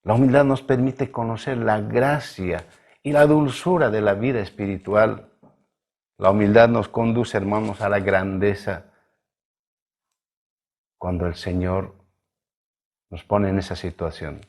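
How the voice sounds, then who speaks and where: Slow gravelly-voiced male pastor preaching. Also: lowish voice, steady tone, a little mellow. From Bolivia. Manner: measured, emphatic preaching with drawn-out stresses. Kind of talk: sermon. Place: church livestream.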